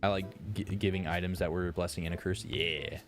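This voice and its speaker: A man streaming live, chatting casually in a rambling, relaxed way and answering his chat. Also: deep voice, fairly quick. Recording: music playing behind.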